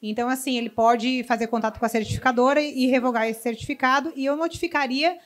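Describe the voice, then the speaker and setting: A woman's voice: high voice, fairly even intonation, fast talker. A woman speaking on a professional panel, giving emphatic, direct advice to the audience. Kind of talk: panel discussion.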